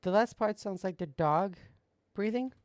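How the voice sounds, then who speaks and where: A woman's voice: medium pitch, unhurried, darkish tone, slight background noise. A woman giving casual, off-the-cuff reaction commentary, skeptical and often repeating her points. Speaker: reaction video host.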